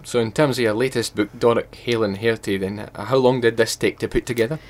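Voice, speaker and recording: A man's voice: medium pitch, steady tone, quick pace. A man, putting questions to a guest as a radio interviewer.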